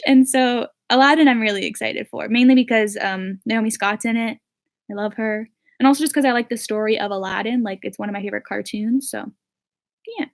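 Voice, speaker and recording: A young woman in her late teens answering viewer questions in a casual chat, with lots of "like" and "um" fillers. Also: mid-range voice. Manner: chatty, full of "like" and "um" fillers.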